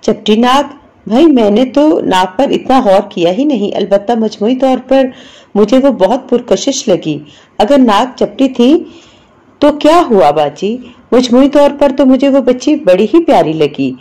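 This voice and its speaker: A woman voicing a gentle, patient middle-aged sister who speaks mildly and reasons calmly in a storybook reading. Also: fairly high pitch, natural voice. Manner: mild, reasoning.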